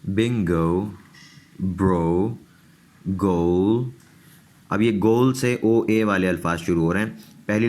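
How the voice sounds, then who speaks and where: A man with a Pakistani Urdu accent leads a beginner English pronunciation lesson, his voice sitting a little low. He explains each rule patiently and reads word lists out slowly, one word at a time. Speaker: English teacher.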